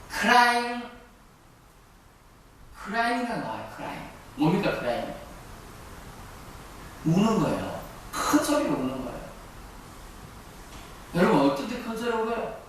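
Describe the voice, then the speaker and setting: Animated preacher in an echoey church. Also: male voice, a little high. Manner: asks the congregation questions and answers them himself. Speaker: pastor. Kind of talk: sermon. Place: church sanctuary. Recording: echoey church hall, distant mic, faint noise.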